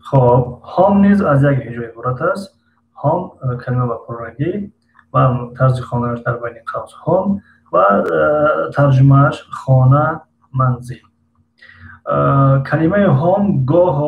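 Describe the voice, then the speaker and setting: Male English teacher, gravelly voice, patient quizzing style, echoey room. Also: medium pitch, narrow, tinny audio, a little hiss or hum. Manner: patient, quizzes students by name. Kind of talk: online English lesson.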